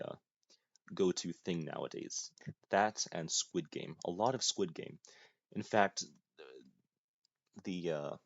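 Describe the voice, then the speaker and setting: A young man with a very deep voice talks through a game in a dry, self-mocking way, half muttering to himself. The sound is dull and lo-fi, close and dead dry with no room around it. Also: dry recording. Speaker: gaming YouTuber. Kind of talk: casual gameplay commentary.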